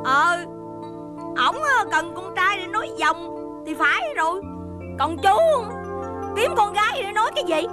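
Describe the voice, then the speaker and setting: Fierce wife, very high, blunt scolding over clear stage music. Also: female voice, expressive, measured pace, pauses often. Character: sharp-tongued fierce wife, chị Tư. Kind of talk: stage comedy skit acting.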